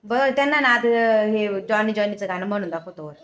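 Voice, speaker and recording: A woman's voice: mid-range voice, lively intonation, brisk, a bit bright. A mother filming a casual home vlog in her bedroom, chatting to her small son in a sing-song baby-talk way. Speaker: mother and vlogger.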